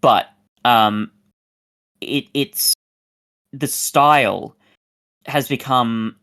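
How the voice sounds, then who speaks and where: A man co-hosting a casual review podcast, rambling through his points with restarts and sudden jumps up in pitch. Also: very slow, sharp tone. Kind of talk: casual chat.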